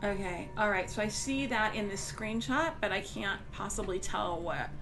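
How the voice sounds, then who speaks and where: A woman's voice: medium pitch, normal speed. A woman giving casual commentary on a game stream, chatting and thinking aloud as she plays. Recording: music behind the voice. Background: game music.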